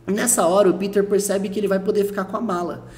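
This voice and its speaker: A man's voice: sits high, steady tone, fast talker, a little mellow, a little hiss or hum. A Brazilian man teaching a lesson, explaining patiently, repeating his points and checking the listener follows. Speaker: English teacher.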